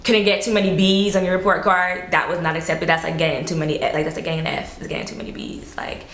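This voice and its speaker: A woman's voice: on the low side, level tone, quick pace, fairly bright tone, echoey room. A woman from South Florida, chatting loosely as an interview guest, full of fillers and casual swearing.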